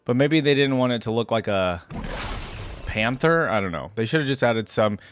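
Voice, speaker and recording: Game music and sound effects fill the background as a reaction video host reacts live in a casual, informal way, exclaiming often and thinking aloud. His mid-range voice is animated and moderately paced, with slight hiss or hum on the recording.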